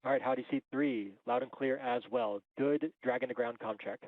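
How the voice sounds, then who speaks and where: A man's voice: mid-range voice, normal speed, dry recording. A man acting as a spacecraft ground controller, giving clipped, procedural callouts over a thin radio comm loop. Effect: thin radio comm loop transmission. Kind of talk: mission radio comm calls. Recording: tinny radio-band com link.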